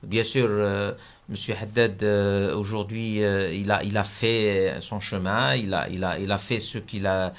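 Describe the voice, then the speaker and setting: A man's voice: lowish voice, flat delivery, unhurried. A man from Algeria, a business leader interviewed in a debate, talking hesitantly with many fillers and restarts.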